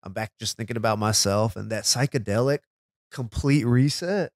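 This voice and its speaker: A man's voice: lowish voice, normal speed, no room sound, studio quality. A man in his fifties co-hosting a casual podcast, joking and teasing the others. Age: 50s. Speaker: podcast co-host.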